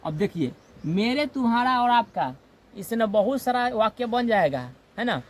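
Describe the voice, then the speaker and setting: A man's voice: extremely high pitch, lively intonation, normal speed. A man teaching grammar in a classroom, repeating points and often checking in with "है ना". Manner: repetitive, checks in with "है ना"; acts out comic example dialogue. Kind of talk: classroom lecture.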